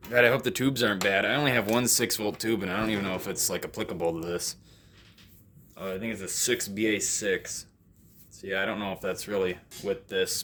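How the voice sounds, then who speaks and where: A deep male voice comes across pushed and bright, over slight background noise. This electronics repair vlogger gives loose, unscripted commentary while working hands-on in his basement workspace, rambling and running himself down.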